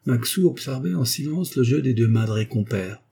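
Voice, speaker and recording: A man with a husky voice narrating a novel in a steady, measured reading. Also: mid-range voice, a little hiss or hum. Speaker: audiobook narrator. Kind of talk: scripted narration.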